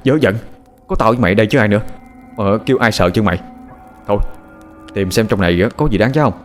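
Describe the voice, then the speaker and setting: A man doing a gruff, bossy older brother. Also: lowish voice, soft background music, natural voice. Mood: scornful. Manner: gruff, scolding, fast.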